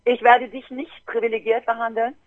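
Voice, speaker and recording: A woman in her fifties tells a story with animated energy, slipping into her relatives' voices as she goes. Her voice sits high, and it comes through a thin, phone-like line with no room sound at all. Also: moderate pace, dry recording. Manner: animated, acts out family members' voices. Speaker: interview guest. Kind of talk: lively storytelling in an interview. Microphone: telephone. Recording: tinny dry phone line.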